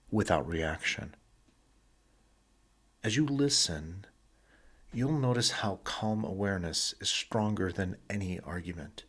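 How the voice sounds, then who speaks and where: A man guides a sleep hypnosis session in a husky, breathy voice, speaking slowly, deliberately and soothingly with short pauses between phrases. His voice sits lowish and carries a slightly bright quality.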